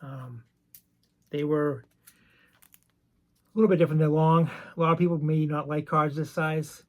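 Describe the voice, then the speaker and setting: Moderately paced and fairly even in intonation, a gravelly-voiced man with a slightly high pitch presents baseball cards in a casual show-and-tell. Medication has roughened his voice, and as a vintage card collector hosting his channel, he's easygoing, chatty and prone to side stories.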